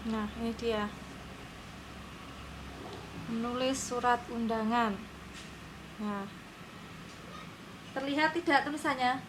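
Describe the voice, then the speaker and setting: A woman teacher with a fairly high voice leads her class through the lesson in a patient way, stopping often to check that everyone can follow. Faint noise sits under her voice. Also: slow, long pauses.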